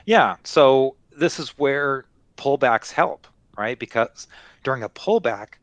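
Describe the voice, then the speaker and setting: A man's voice: mid-range voice, lively intonation, slow, dry recording. A man giving unscripted market commentary as an analyst, explaining things conversationally with frequent little check-in phrases. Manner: conversational, explanatory, peppered with "you know" and "right?".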